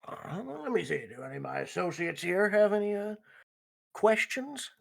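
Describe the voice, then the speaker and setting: A game master, a man steering a tabletop scene with playful, prodding questions. His pitch moves around a lot as he talks. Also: animated, normal speed, creaky, dry recording, clean studio sound.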